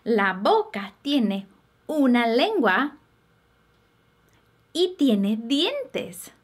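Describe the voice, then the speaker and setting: A woman's voice: on the high side, very animated, drawn-out words, a little hiss or hum. A woman teaching Spanish words to babies and toddlers, with bouncy, giggly baby talk and playful animal sounds. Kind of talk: slow, sing-song teaching for babies.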